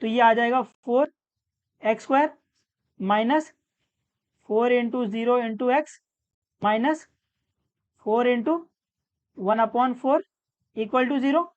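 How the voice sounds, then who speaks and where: A woman tutor walks through a maths problem step by step, with terms. Her voice sits a little high, and she answers her own questions patiently. The recording sounds dull and lo-fi. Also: extremely slow, long pauses.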